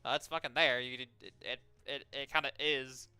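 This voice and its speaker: A man's voice: mid-range voice, steady tone, normal speed, bright, forceful tone, smooth. A sardonic, sweary man giving casual game commentary and reading the game's text aloud. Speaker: let's play host.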